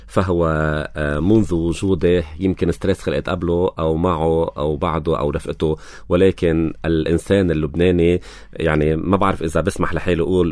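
A man with a Lebanese accent hosting a radio interview, pausing often with drawn-out fillers. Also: deep voice, a little mellow, no room sound, studio quality. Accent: Lebanese Arabic. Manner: hesitant, many drawn-out fillers. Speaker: radio host.

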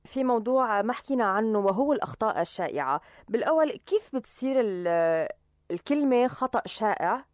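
Quick-talking Lebanese woman interviewer. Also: fairly high pitch, very animated, no echo, studio quality. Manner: conversational, inquisitive. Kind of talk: casual interview questions.

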